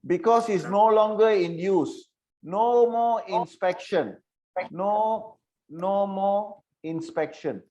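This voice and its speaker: A man leads an online insurance training session with a slightly raised pitch. He repeats key phrases and keeps checking whether his listeners understand. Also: takes it slowly, mellow, highs cut off.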